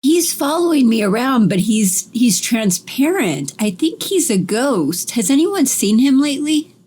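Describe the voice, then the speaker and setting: A woman's voice: high-pitched, moderate pace, slightly rough. A woman co-hosting a casual comedy podcast, telling stories animatedly. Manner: animated storytelling. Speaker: podcast co-host. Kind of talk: casual comedic chat in character.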